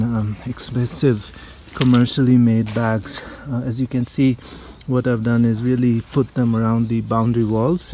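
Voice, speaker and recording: Mellow-voiced man touring his garden. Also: mid-range voice, a little hiss or hum. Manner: relaxed, explanatory, with frequent um and uh. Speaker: home gardener giving a garden tour. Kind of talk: casual narrated garden tour. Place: outdoor home garden.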